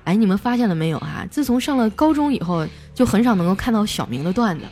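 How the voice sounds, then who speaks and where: A young adult woman hosting a comedy show, reading listener jokes aloud in a playful, lively way and chuckling at them. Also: fast, a little hiss or hum. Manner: playful, chuckles at the jokes, jumps high for quoted voices. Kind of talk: lively comic joke reading. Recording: background music under the voice.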